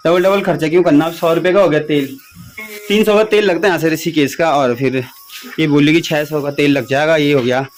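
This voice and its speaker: A man's voice: fairly high pitch, moderate pace. A young man, rambling casually about home and village life in his vlog. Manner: chatty, rambling, laughs at himself. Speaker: vlogger.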